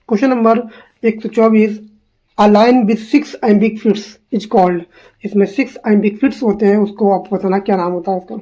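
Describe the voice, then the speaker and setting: A woman teaching an exam-prep English lesson, echoing her own answers back as questions and reading quoted lines slowly. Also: medium pitch, mellow. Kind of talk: quiz answer walkthrough lesson.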